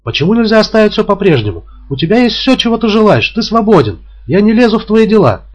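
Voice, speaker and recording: A man voicing a shrill, brittle young woman. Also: sing-song, fast. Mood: pleading. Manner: shrill, pleading, hysterical outbursts. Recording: dull lo-fi audiobook recording.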